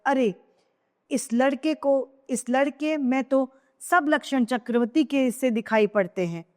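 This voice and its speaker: A woman voicing a troubled king, speaking in a lower voice with anxious unease. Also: measured pace, a little mellow, long reverb tail. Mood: uneasy. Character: stricken king, fearful and uneasy father.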